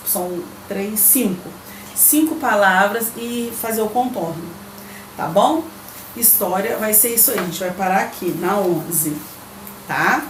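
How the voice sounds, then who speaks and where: A woman teacher with a Brazilian Portuguese accent, giving a recorded remote lesson. She reads the textbook aloud, explains it patiently and checks in with her pupils. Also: mid-range voice. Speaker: primary school teacher. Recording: echoey room with faint background noise.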